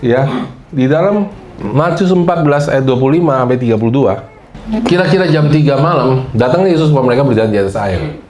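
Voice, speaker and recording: Preaching with humor and energy, this male pastor dramatizes the prayers he cites and often turns to address the congregation directly. His pitch is medium and his pace fairly quick.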